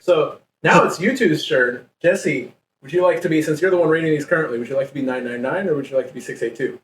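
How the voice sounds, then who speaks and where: A man's voice: fairly high pitch, fast. A man who hosts a podcast reads a story aloud to his guests in a playful way, laughing now and then. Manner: playful, laughs while reading. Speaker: podcast host. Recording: echoey, distant mic with faint background noise.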